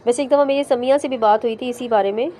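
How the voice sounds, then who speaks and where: Mellow, higher-voiced woman teaching recitation. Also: a little hiss or hum. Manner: patient, explains step by step and sounds out letters slowly. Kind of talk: online class explaining pronunciation.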